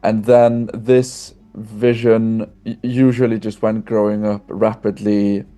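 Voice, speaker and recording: A man in his twenties from Iceland, a podcast guest talking openly and warmly over a video call, often restarting his sentences. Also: lowish voice, little pitch movement, slow. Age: 20s. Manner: friendly, open, with frequent restarts. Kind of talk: casual conversational interview.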